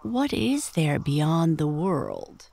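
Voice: mid-range voice, wildly swooping pitch, very slow, creaky, exaggerated voice. A reader voicing a timid little grub. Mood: earnest. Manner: polite, quiet, earnest. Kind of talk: storybook character voice.

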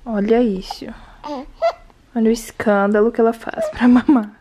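High-voiced chatty young mother. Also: fairly even intonation, moderate pace. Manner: chatty, talks softly to her baby. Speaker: vlogger and new mother. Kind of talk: casual home vlog chat. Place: home kitchen.

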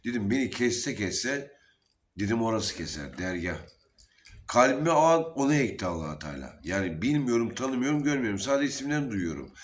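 A man's voice: lowish voice, very animated, fairly quick. A man earnestly telling an emotional personal story at a Sufi lodge gathering, quoting the dialogue as he goes. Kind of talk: casual spoken testimony.

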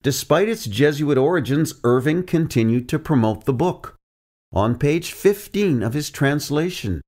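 A preacher with a mid-range, slightly mellow voice delivers a prepared teaching narration. He keeps it deliberate and measured, pausing to read quotes from his sources.

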